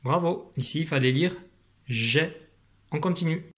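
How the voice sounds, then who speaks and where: A man's voice: on the high side, a bit bright. Patient man teaching reading to children. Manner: patient, encouraging, explains slowly. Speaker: primary school teacher. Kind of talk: remote reading lesson for young children. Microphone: computer at a desk.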